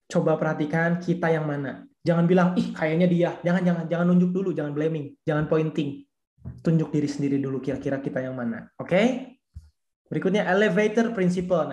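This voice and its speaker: A youth ministry leader with a warm, mellow, rather high voice leads a church youth discipleship class, speaking casually and with slang. He repeats his key points twice, and the recording has a roomy echo.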